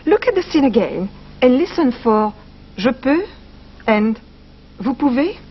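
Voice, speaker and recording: Animated woman presenting a language lesson. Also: high voice, a little slow. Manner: careful, explanatory, repeats phrases for learners. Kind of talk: scripted educational narration. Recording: slightly muffled broadcast audio, faint hiss.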